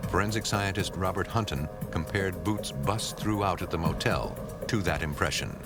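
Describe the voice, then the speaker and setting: A man giving grave, measured scripted narration for a crime documentary. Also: deep voice. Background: music.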